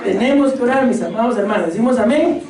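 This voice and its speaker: A woman's voice: a little high, animated, fast talker, a crowd in the background. A woman preaching a sermon, firing rhetorical questions and calling the congregation her beloved brothers. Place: church hall. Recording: echoey hall, voice from far off.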